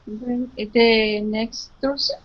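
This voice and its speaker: Woman, 30s, from Colombia, Colombian Spanish accent, hesitant student, flat monotone, muffled call audio. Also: a little high, slow. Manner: hesitant, simple sentences.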